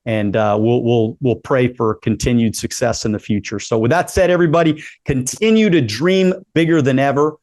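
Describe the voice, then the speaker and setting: A man's voice: medium pitch, normal speed, hardly any pauses, darkish tone, dry recording. A man in his late forties hosting a casual interview, upbeat and encouraging, often repeating himself as he talks. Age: 40s. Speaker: podcast host.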